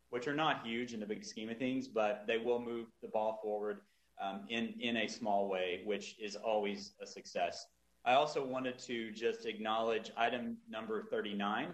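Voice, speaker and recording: A councilman speaks in a low, flat voice, halting and full of fillers. The room around him is echoey. He gives remarks at a council meeting. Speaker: city council member.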